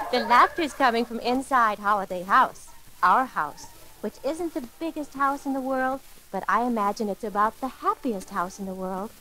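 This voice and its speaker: A woman narrating a children's story for an old record in a sweet, gently theatrical way, talking kindly to a little elf. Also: a little high, slight background noise, low-quality recording. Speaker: storyteller and host.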